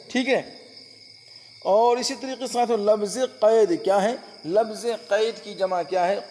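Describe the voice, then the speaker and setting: A man's voice: high-pitched, a little mellow. A man teaching Urdu grammar in an online exam-prep class, drilling each word with rhetorical questions and answering them himself. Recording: long reverb with faint insect noise.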